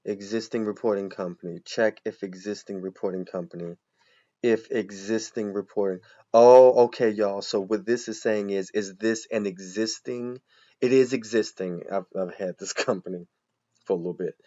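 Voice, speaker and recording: A man's voice: lowish voice, fairly even intonation, moderate pace, warm tone, muffled recording. A man in his forties, an accountant, chatting casually as he thinks aloud through a walkthrough and talks to viewers directly.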